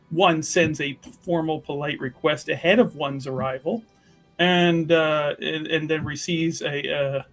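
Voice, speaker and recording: His voice is on the high side with a fairly bright tone. Playing a tabletop roleplaying game, he casually describes what his character does in improvised, wordy sentences that stall and frequently start over.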